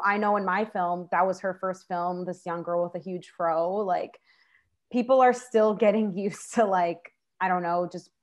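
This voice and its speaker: A young woman filmmaker talking casually and reflectively over a video call, with plenty of fillers. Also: mid-range voice. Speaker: filmmaker guest. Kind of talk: casual conversation.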